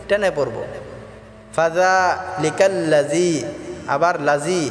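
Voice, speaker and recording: High-voiced man teaching chanted recitation. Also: a bit bright, slight background noise. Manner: alternates slow melodic chanting with brisk spoken explanation. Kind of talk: Quran recitation lesson with chanted verses. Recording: echoey reverberant room with background music.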